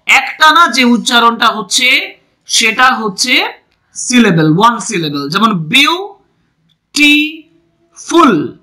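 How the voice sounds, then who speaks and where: A woman's voice: fairly high pitch, pushed and bright, poor audio. A woman with a Bengali accent teaching English grammar in a class, explaining step by step and asking questions she answers herself.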